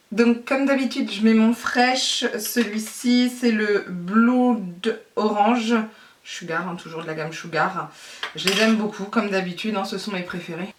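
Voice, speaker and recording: Chatty woman in a roomy echo. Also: medium pitch. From France. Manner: chatty, hesitant, many fillers. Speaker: beauty vlogger. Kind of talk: casual makeup tutorial. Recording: roomy echo, distant mic.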